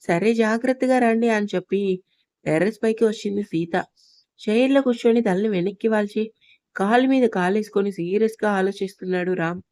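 Woman storyteller, scripted narration, mellow tone, dry close sound. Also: medium pitch, brisk, no echo. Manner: reads all characters in her own voice.

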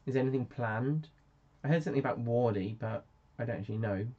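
A man's voice: mid-range voice, fast talker, dark tone. A man hosting a casual live stream, chatty and self-mocking as he answers viewers. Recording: dull lo-fi sound.

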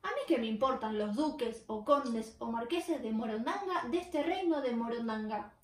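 A woman voicing a bratty, stubborn young princess who talks back loudly and defiantly. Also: fairly high pitch, expressive, normal speed, lightly acted. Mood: scornful. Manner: defiant, loud and insistent. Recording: roomy, far from the mic.

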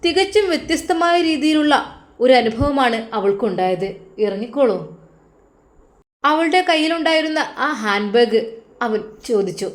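A woman with a Malappuram accent reads a family story aloud. She tells it in a steady, expressive way, and her voice is a little higher than most women's. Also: normal speed. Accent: Malappuram Malayalam. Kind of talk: scripted story narration.

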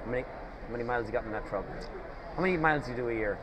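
Chatty, teasing interviewer at a noisy expo. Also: male voice, medium pitch. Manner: chatty, teasing, quick banter. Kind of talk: casual trade-show interview. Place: open-sided tent at an outdoor expo. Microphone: lapel mic. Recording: outdoor expo with background noise.

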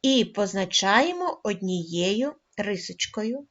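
A woman teaching a lesson to first graders, speaking slowly and deliberately and drawing out each sound for the children. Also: medium pitch, lively intonation, fairly bright tone. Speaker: primary school teacher. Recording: dull lo-fi recording.

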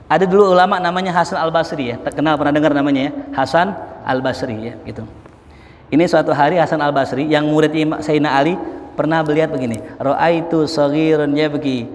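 A man giving a religious study lecture, telling stories with sudden high emphatic rises and reciting Arabic before translating it. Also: brisk. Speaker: Islamic preacher. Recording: long hall reverb.

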